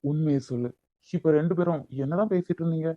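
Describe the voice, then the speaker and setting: A man's voice: fairly high pitch, fast, no room sound, lightly acted. A man with a Kanyakumari Tamil accent voicing a bossy, hot-tempered young lover in a cartoon, brusque and demanding. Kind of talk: cartoon voice acting. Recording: dull lo-fi recording.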